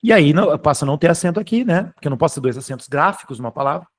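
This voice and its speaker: A man with a Brazilian Portuguese accent teaches grammar in a live online class. His voice sits a touch high, and his delivery is informal and patient. He keeps pausing to check that students are following. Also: lively intonation. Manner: explanatory, keeps checking in with "tá?" and "beleza?"; informal, occasionally swears.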